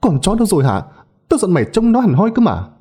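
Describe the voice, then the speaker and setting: A man's voice: mid-range voice, very animated, a little fast, mellow. A man voicing a cruel, greedy old woman who screeches and scolds her servant. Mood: furious.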